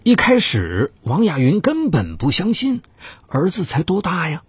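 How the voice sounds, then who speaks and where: A man's voice: wildly swooping pitch, measured pace, breathy edge, dry recording. A man narrating a dramatized true-crime story in a theatrical, suspenseful way. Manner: theatrical, swings of pitch for suspense.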